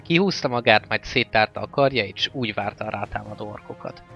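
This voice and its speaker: A man reading a fantasy novel aloud as an audiobook narrator, in a steady, even-paced way. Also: fairly low pitch, gravelly. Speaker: audiobook reader. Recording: slightly dull lo-fi with faint music.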